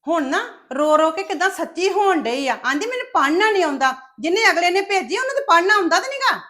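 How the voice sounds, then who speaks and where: Actress as a shrill, scheming sister-in-law in a family drama, taunting and accusing. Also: female voice, lively intonation, quick pace, fairly bright tone. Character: scheming sharp-tongued woman, sister-in-law of the household. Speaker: actor in a family web drama.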